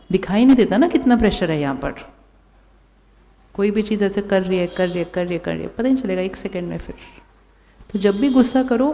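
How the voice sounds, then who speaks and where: A woman giving a calm spiritual talk to a live audience. She keeps asking the crowd questions and repeats her phrases. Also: on the low side. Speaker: spiritual speaker. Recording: long hall reverb.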